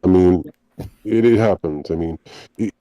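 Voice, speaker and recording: A man co-hosting a casual podcast, talking hesitantly and filling pauses with uh. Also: low-pitched, dry recording, highs cut off. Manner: hesitant, many uh fillers. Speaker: podcast co-host.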